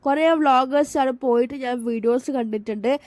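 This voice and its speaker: Malayali woman, high voice, chatty vlog voice-over, dry close sound. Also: fast talker, darkish tone, dry recording. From Kerala. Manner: chatty and enthusiastic, with frequent restarts. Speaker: family vlogger. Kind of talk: casual voice-over narration.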